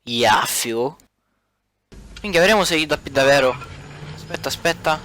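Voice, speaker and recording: A man's voice: on the high side, fast, heavy background noise. A man with a Sicilian accent doing a crude, exclamatory comic parody dub in dialect.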